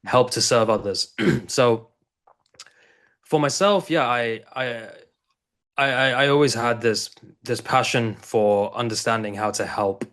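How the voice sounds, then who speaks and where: A man's voice: mid-range voice, measured pace, fairly bright tone. A man in his thirties from South Africa, a coach and guest on an interview show, telling his story in a loose, rambling way with many restarts. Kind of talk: casual interview talk.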